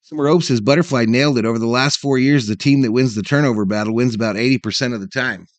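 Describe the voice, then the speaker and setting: A man hosts a sports livestream, delivering casual play-by-play and chatting with fans in a folksy, informal manner. His mid-range voice moves at a quick pace, and there is no room sound.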